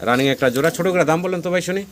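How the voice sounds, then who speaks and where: A man with a Bangladeshi Bengali accent giving a fast sales tour of a pigeon farm, repeating prices and blessings as he shows each pair. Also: on the high side. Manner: rapid patter, repeats prices, frequent blessings. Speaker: pigeon seller channel host. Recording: noisy farm recording with pigeons. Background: pigeons cooing.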